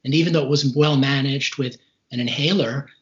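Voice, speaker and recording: Speaking as an interview guest and recovering patient, a man in his forties describes what he went through in a halting, measured way, a bit breathless after a serious respiratory illness. His pitch is medium and his intonation fairly even. The recording is dull, lo-fi call audio.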